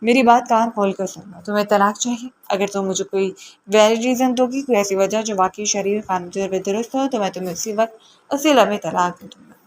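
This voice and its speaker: A stern young husband, all harsh, clipped demands, read out by a woman narrator. The voice sits at a plain middle pitch, with a faint hiss behind it. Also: lightly acted, rough recording.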